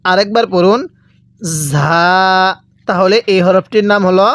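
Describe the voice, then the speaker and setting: A man's voice: high voice, fairly quick, no room sound. A man teaching how to pronounce Arabic letters, patiently repeating each one and asking the viewer to say it back. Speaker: Quran reading teacher. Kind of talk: step-by-step recitation lesson.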